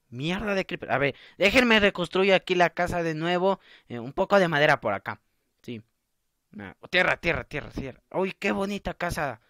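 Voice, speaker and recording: A man's voice: high voice, pushed and bright, dry recording, studio quality. A young man narrating a comedic game video in a goofy way, swearing and joking. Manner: goofy, swears and yelps for laughs. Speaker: gaming video creator.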